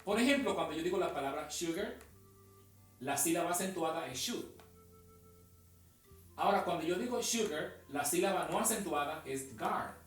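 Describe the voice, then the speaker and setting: A fairly high-voiced man teaches English pronunciation, slow and emphatic, drilling each word. His voice rings in an echoey room, with faint music underneath. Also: fairly bright tone. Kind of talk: pronunciation lesson.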